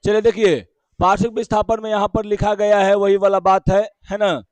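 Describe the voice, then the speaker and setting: A man with a Bihari Hindi accent teaching a physics class, explaining slowly, repeating key terms and checking again and again whether students follow. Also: high-pitched, flat delivery, a little mellow, smooth, dry recording. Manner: keeps asking students short check questions.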